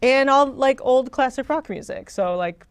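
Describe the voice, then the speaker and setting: A woman's voice: high voice, lively intonation, normal speed, clean tone, no room sound. A young woman chatting casually as a podcast guest, rambling with lots of "like" and laughing often. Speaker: guest, Elvis impersonator. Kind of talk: casual podcast interview chat.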